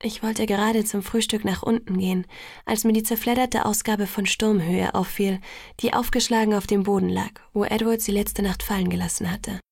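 A woman reads a first-person novel in a hushed, half-whispered voice. Her tone is gravelly with a little creak, and the close, dry recording has no room sound. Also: medium pitch, fairly even intonation, normal speed, dry recording. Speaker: audiobook narrator.

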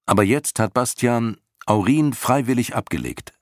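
A man voicing an eager, brave boy hero in an audiobook, pitched well above his own deep voice and pleading earnestly. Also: expressive, moderate pace, no room sound, studio quality, natural voice.

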